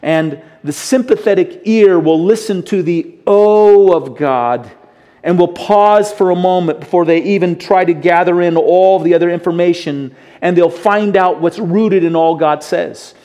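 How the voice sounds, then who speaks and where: A man's voice: sits high, fairly even intonation, moderate pace, few pauses, warm tone. A middle-aged man teaching the Bible on the radio, earnest, stressing points by repeating them and shifting his volume. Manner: earnest, repetitive emphasis, varies volume for stress.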